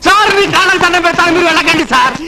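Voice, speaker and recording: A man's voice: very high-pitched, racing, distant mic, very noisy. An actor playing a sobbing, beaten man who begs a policeman not to leave him, in a whining, tearful voice. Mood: begging. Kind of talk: Telugu film comedy scene. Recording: film soundtrack with loud music.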